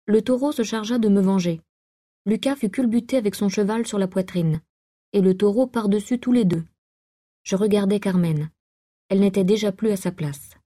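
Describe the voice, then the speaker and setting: A woman narrating a classic novel aloud in a measured, even reading style. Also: mid-range voice. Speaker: audiobook reader. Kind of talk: literary audiobook narration.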